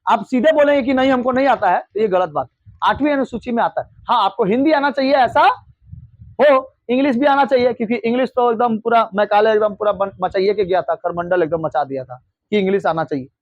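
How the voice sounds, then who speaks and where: A man's voice: sits high, brisk, no echo, lo-fi sound. A male teacher giving a classroom lecture, repeating points and firing questions at his students. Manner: repetitive, drilling questions, mimics regional speech. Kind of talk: classroom lecture with call-and-response.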